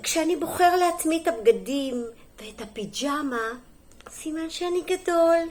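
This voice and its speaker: High sing-songy woman, kindergarten teacher reading a storybook to little kids, gentle, stops to chat with them. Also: a little hiss or hum. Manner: gentle, sing-song and expressive, as to small children; adds brief asides and questions for the children. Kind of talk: storybook reading to young children.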